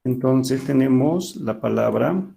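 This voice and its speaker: A man's voice: mid-range voice, expressive, slow, vocal fry, mellow. A male teacher giving an online class lecture, explaining patiently and often checking that students follow.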